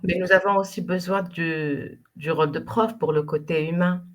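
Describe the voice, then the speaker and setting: A woman's voice: lowish voice, steady tone, moderate pace. A woman, a language teacher, chatting casually on a video call, often agreeing in short interjections. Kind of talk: casual discussion.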